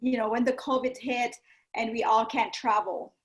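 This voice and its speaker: With a steady, somewhat high voice and a moderate pace, a Thai woman with a Thai accent chats as a guest in a casual interview. She's a yoga teacher who speaks earnestly and frequently tucks in "you know" and "right?".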